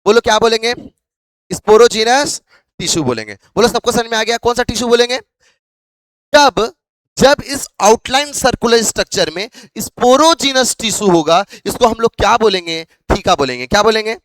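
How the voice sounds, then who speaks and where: A man's voice: high voice, animated, normal speed, a bit bright, no echo. A male biology teacher lecturing a class, asking questions over and over to drill his students.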